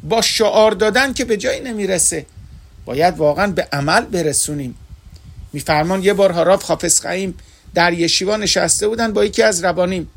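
A man's voice: sits high, a bit bright. A man delivering an earnest sermon as a religious teacher, retelling stories and speaking directly to his listeners. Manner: earnest storytelling, addresses listeners as dear friends.

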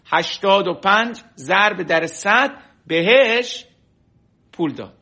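Male religious teacher, high and bright-toned, lively storyteller who acts out quotes. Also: gravelly. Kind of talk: storytelling sermon. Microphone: online class stream.

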